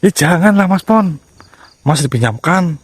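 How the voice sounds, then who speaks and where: A man's voice: sits high, lively intonation, unhurried, slightly rough, no room sound. Insistent man, dry close sound. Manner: insistent, repeatedly refusing. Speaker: ghost-hunting host. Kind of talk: casual on-camera chat.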